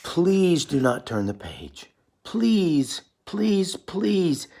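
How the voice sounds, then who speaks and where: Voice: medium pitch, big pitch swings, creaky, mellow, pitched above the performer's own voice, full character voice. Grover, a reader putting on a fretful furry monster. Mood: frightened. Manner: slow, drawn-out pleading. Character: anxious furry male monster, pleading.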